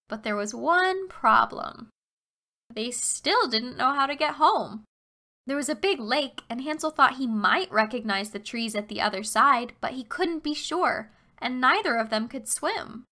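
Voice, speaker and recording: A woman narrating a children's fairy tale expressively, slowing down for emphasis. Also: on the high side, vocal fry, pushed and bright.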